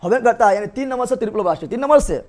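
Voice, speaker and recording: High-voiced man drilling a biology class. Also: animated, darkish tone. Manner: drills students with repeated quick questions. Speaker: teacher.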